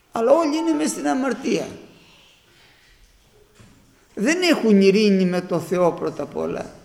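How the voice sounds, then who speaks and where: A man preaching a sermon to his congregation, telling stories and raising his voice to a shout for emphasis. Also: high-pitched, creaky, long reverb tail. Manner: storytelling, rising to shouts for emphasis.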